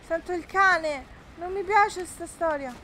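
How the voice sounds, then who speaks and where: A woman's voice: very high voice, slow pace, background noise. A woman, chatting jumpily with viewers and laughing often while she plays a game on a live stream. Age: 30s. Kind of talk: casual live-stream chat while gaming.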